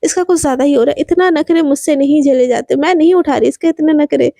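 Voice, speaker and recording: A woman's voice: sits high, quick pace, gravelly, dark tone, no room sound, studio quality. A woman doing a playful lovestruck young woman.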